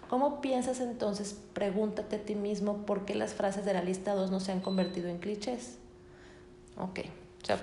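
A woman reading a self-help text aloud in a steady voice, breaking off now and then for casual spoken asides. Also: medium pitch, creaky, a little hiss or hum. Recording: roomy echo.

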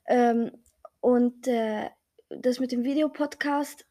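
A young woman chatting casually as a co-host, with a slightly husky voice. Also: a little high, steady tone, slow, warm tone. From Switzerland. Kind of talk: casual chat.

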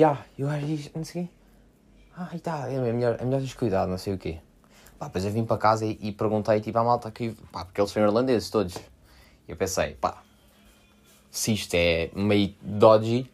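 A man's voice: mid-range voice, a little mellow. A young man from Portugal, rambling casually and jokingly on his solo podcast, full of slang and fillers. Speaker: podcast host.

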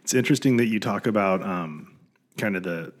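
A man in his forties co-hosting a podcast, talking in halting casual chat with many fillers. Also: sits low. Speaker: podcast co-host.

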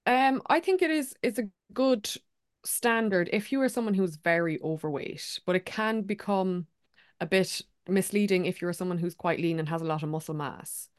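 A British woman co-hosting a casual fitness podcast, quick and teasing, often laughing. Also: on the low side, clear, resonant tone, no room sound, clean studio sound. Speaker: podcast co-host. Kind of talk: casual Q&A chat.

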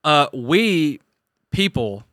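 A young man co-hosting a podcast, chatting casually in a rambling, energetic and jokey way. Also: on the high side, drawn-out words, dry recording, clean studio sound. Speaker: podcast co-host. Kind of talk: casual chat.

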